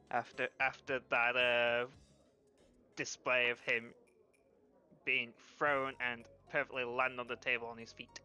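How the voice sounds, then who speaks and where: A man speaks slowly and haltingly as he plays a tabletop game, stumbling over his words. His voice is bright, with faint music behind. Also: mid-range voice, little pitch movement, clear, resonant tone, lo-fi sound. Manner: halting, stammering speech with laughter. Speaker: player. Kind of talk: casual tabletop play over voice chat.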